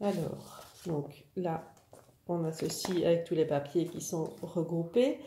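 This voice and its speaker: An online craft shop owner with a head cold presents her new paper collections in a casual showcase, chatty and full of "euh" and "donc" fillers. Her voice is low, very dark, mellow, and unhurried. The room gives a noticeable echo, with a little hiss or hum underneath.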